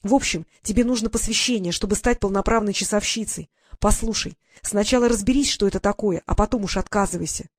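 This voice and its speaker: A woman's voice: medium pitch, a little fast, no echo, studio quality, close to an everyday voice. A woman voicing an earnest, talkative teenage boy who explains things at length. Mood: insistent.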